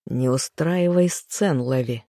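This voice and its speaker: A woman reading an audiobook, voicing a cold, sneering young nobleman husband with a low, growling, hushed delivery. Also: fairly even intonation, a little slow, dry recording, studio quality. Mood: menacing.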